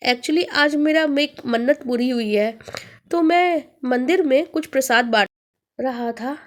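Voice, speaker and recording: A kind, devout young delivery man speaks softly and politely, voiced by a woman telling the story. His tone is gentle and reassuring, and the voice sits high. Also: measured pace.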